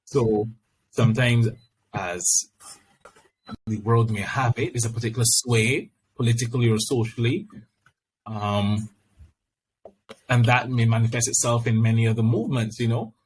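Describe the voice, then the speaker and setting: A man's voice: mid-range voice, fairly even intonation, moderate pace, pauses often. Barbadian man in podcast discussion, noisy recording. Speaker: podcast speaker. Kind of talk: conversational discussion.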